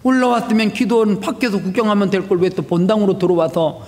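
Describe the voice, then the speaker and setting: High-voiced Korean pastor preaching. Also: male voice, fairly even intonation, fast, long reverb tail. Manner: storytelling, with loud shouted prayers and rhetorical questions. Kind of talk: sermon. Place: church sanctuary.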